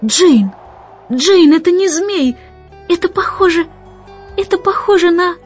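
A woman's voice: medium pitch, takes it slowly, slightly rough. A woman voicing an eager young boy who blurts out his lines. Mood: excited. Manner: excited, shouting out. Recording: dull lo-fi audiobook with faint music.

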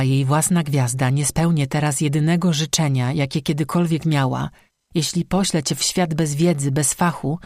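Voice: mid-range voice, darkish tone, dry recording, studio quality, natural voice. An audiobook narrator voicing a fierce, commanding star-woman who is a master smith, speaking firmly with a warning tone. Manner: firm, warning tone. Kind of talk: audiobook reading.

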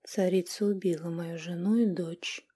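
A woman voicing a grieving, brooding male werewolf who talks in a hushed voice, often slow and whispered. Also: on the low side, level tone, slightly rough, heavily acted. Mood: sorrowful.

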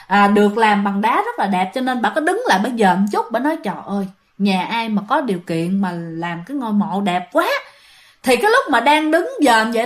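A woman with a slightly high voice tells a ghost story in a loose, conversational way. She talks straight to her listeners and briefly voices the people in the story as she goes. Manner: chatty, addresses listeners directly, acts out quoted speech. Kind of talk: casual ghost story telling.

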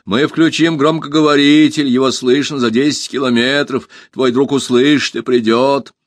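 A man voicing a stubborn, dutiful male ship robot in a storybook reading, speaking in a slow, deliberate, measured way. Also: medium pitch, steady tone, dry recording, clean studio sound, pitched above the performer's own voice, lightly acted. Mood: helpful.

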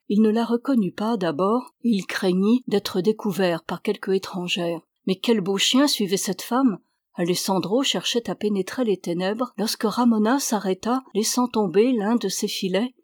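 A woman reading a novel aloud as an audiobook in a measured, even storytelling manner. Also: medium pitch, no echo, clean studio sound. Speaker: audiobook reader.

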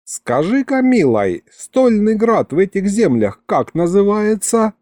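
A man voicing a gruff, bossy old grandfather who scolds in folksy speech. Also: high voice, sing-song, measured pace, a little mellow, no echo, studio quality, pitched above the performer's own voice. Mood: coaxing. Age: older.

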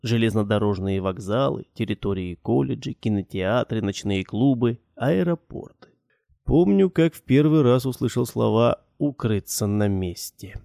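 A man reading a first-person audiobook in a measured, matter-of-fact way. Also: mid-range voice, lively intonation, creaky, mellow, dry recording, clean studio sound. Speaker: audiobook narrator.

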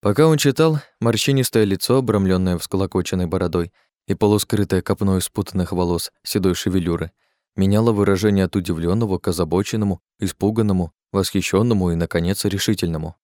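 Male narrator, low voice, measured fantasy narration, dry close sound. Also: darkish tone, dry recording. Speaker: audiobook narrator.

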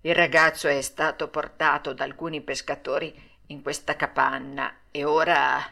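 A woman voicing a calm, plain-spoken old man in a storybook reading. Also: low voice, normal speed, gravelly, pitched below the performer's own voice, exaggerated voice. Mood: matter-of-fact.

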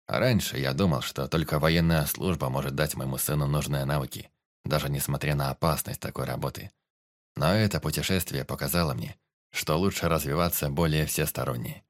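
A man's voice: extremely low pitch, no echo, studio quality, voice pushed down. A man voicing a sturdy middle-aged warrior and father in an audiobook, speaking steadily and earnestly. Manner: steady, earnest, good-humoured.

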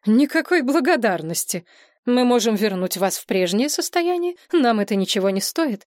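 Woman voicing a stern practical woman, brisk, curt, commanding. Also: fairly high pitch, very animated, a little mellow, dry recording, clean studio sound, pitched above the performer's own voice. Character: stern, practical, sharp-tongued middle-aged woman.

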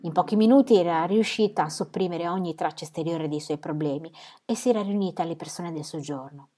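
A woman reads a novel aloud in a warm, mellow voice that sits on the low side. Her storytelling is measured and expressive, the steady pace of an audiobook. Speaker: reader. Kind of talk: audiobook narration.

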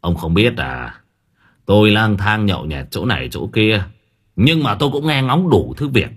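Swaggering young village thug, read by a man: husky, brash, quick and lively. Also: lowish voice, heavily acted. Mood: cocky. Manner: cocky, fast and mocking.

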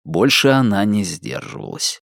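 Expressive male audiobook narrator. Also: lowish voice, normal speed, creaky, no room sound, clean studio sound. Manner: dramatic, expressive reading. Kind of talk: scripted narration.

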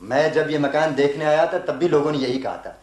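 A man's voice: a little high, fairly even intonation, a little fast, darkish tone, roomy sound, lightly acted. A man playing a scoffing skeptical husband. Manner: scoffing, impatient. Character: skeptical young husband, irritable and dismissive. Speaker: radio drama actor. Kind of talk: vintage radio drama acting.

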